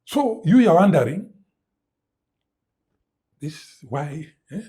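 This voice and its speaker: A middle-aged man with a Kenyan English accent tells his story to an interviewer. His voice is deeply husky and raspy, and his pitch roams widely as he acts out sounds and slips into Swahili. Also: takes it slowly. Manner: animated storyteller who mimics sounds and drops Swahili words. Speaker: guest.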